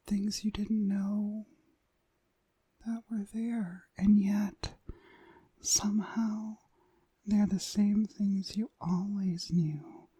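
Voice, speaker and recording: A woman voices a seductive witch hypnotist in an intimate ASMR roleplay, whispering very slowly with a heavily breathy, mellow, mid-range tone. Commanding and possessive, she lulls the listener with deliberate phrases in a full character voice. The recording is close-miked and dry, with no room sound.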